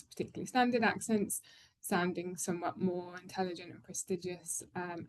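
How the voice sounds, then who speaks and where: A woman's voice: medium pitch, a little mellow, rough recording. British woman, tentative academic explainer. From United Kingdom. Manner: explanatory, tentative, circling back to rephrase. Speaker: academic researcher on accents and child language. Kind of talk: spontaneous panel talk.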